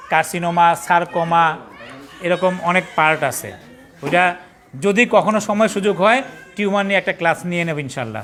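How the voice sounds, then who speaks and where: A man's voice: on the high side, fairly bright tone. A man with a Bangladeshi accent teaching a pathology class, quizzing students, spelling out terms letter by letter and teasing latecomers. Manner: scolding latecomers and joking in colloquial speech. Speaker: pathology trainer. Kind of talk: classroom lecture.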